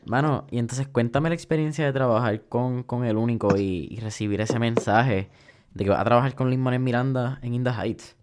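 A man's voice: mid-range voice, steady tone, a little fast, noisy background. A man hosting a casual interview, friendly and reflective, with local slang. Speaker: interviewer, host.

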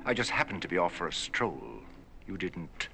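A scheming, self-important stowaway from a 1960s television drama. His voice is bright and tense, his speech flowery and oily, and his pitch swoops up and down between syllables. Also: animated, moderate pace. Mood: haughty. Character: scheming, pompous older male space stowaway.

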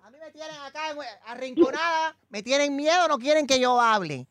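A man's voice: very high voice, expressive, normal speed, a crowd in the background. A man voicing a sassy, teasing woman caller who gossips about money and men.

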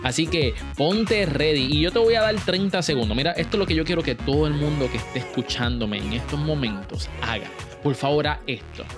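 A man's voice: a little high, animated, a little fast, hardly any pauses, over music. A man hosting his own business podcast, talking straight to the listener with a pushy, motivational push and English words mixed in. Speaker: podcast host. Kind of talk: energetic motivational podcast talk.

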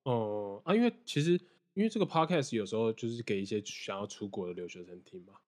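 A man's voice: fairly low pitch, animated, fast. A young man hosting a casual podcast interview, prompting his guest and summing up his points. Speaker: podcast host.

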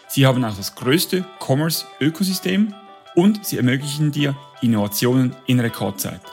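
Gravelly podcast host. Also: male voice, mid-range voice. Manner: upbeat, enthusiastic questions. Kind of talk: podcast interview hosting with sponsor read.

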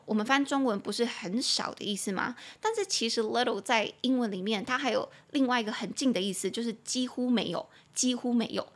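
Lively woman teaching English. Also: a little high. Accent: Taiwanese Mandarin. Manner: spells words letter by letter, repeats key words slowly; chatty, lively explanations with playful acted examples. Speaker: English teacher and podcast host. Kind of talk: podcast English lesson.

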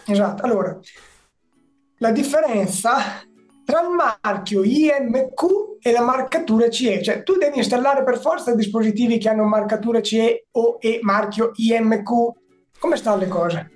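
A man's voice: very high voice, normal speed, soft background music. A man acting as guest quizmaster, presenting and explaining in a casual, informal way. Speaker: guest quizmaster, electrical trainer. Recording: echoey room.

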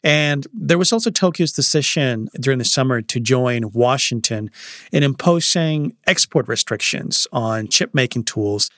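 A man's voice: mid-range voice, animated, measured pace, a bit bright, dry recording, clean studio sound. A man who is a staff writer, explaining news as a guest in a podcast interview. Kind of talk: explanatory news analysis in conversation.

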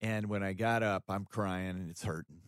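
Low-voiced man, earnest and emphatic. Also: steady tone, normal speed, smooth, dry recording, clean studio sound. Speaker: podcast co-host, author. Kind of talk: faith-based conversational talk.

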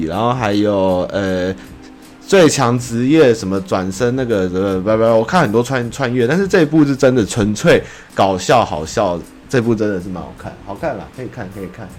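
A young man from Taiwan, hosting a podcast in casual chat, rambling and blunt, with swearing and mocking voices. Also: on the low side. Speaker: podcast host. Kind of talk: casual chat about anime.

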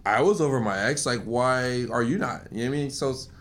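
A young man in casual chat, animated and profane, acting out what people say. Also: medium pitch, fairly quick. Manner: animated, swearing, acts out quotes.

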